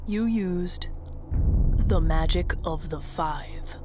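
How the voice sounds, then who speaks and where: A woman's voice: on the low side, slow pace, music in the background. An actress playing a mysterious old female troll mentor in a cartoon, solemn and commanding, speaking grandly like a drama teacher. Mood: knowing, composed. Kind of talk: animated cartoon dialogue.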